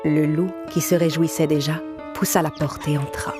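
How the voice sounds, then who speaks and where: Reading a scripted children's story at a moderate pace, a woman speaks in a slightly low voice with fairly even intonation. Music is clearly audible behind her.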